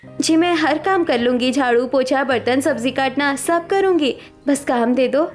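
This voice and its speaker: A woman's voice: high voice, moderate pace, soft background music, natural voice. A woman voicing a poor, honest young woman in a cartoon story who speaks in an earnest, pleading way. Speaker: cartoon character.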